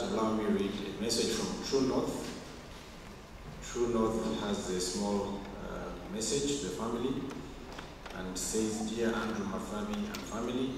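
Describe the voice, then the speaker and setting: A middle-aged man with a Ugandan accent, leading a funeral service in a measured, orderly way and reading out messages at a lectern mic. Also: fairly low pitch, background noise. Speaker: master of ceremonies. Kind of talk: formal funeral announcements. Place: church. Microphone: handheld mic at a lectern. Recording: echoey church from far off.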